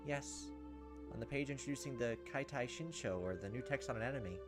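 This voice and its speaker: Game music accompanies a let's player reading a visual novel aloud. His mid-range voice moves a little fast, and he narrates dramatically while performing the characters' lines.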